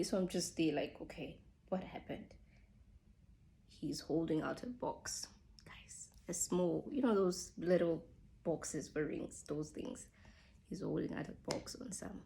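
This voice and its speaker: Fairly low, gravelly, and warm, this young woman's voice moves at a moderate pace as she shares her engagement story with viewers. Her vlog style is chatty, heavy on "like," and she keeps addressing everyone as "guys."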